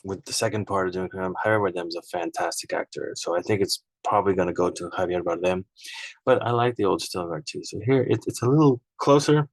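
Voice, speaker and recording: A low-pitched man talks through his opinions in a loose, rambling way, tagging his points with "right?" and getting openly irked. The sound is dry and close, with no room around him. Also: a little fast, no echo, low-quality recording. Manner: rambling and conversational, often ending points with "right?"; frank and opinionated, easily irked. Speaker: film reviewer. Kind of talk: casual spoken film comparison.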